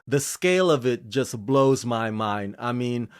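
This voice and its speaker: A man's voice: lively intonation, a little slow, smooth. Guy from indonesia gushing thru a scripted tv review on his channel, big swings in how he says stuff. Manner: gushing, emphatic delivery with frequent swings in pitch and pace. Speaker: film reviewer and channel host.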